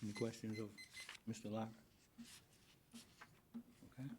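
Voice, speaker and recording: A man's voice: fairly low pitch, little pitch movement, normal speed, background noise. A man chairing a county planning board meeting, calling speakers up in a plain procedural way.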